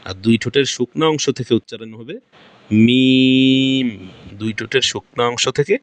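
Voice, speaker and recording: A male Quran teacher with a Bangladeshi Bengali accent explains pronunciation points slowly and repeats each one. His voice sits in an ordinary middle pitch. It is recorded close up, dry and without room sound. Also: fairly bright tone, no echo. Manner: patient, repeats each point and quizzes himself. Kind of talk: step-by-step pronunciation lesson.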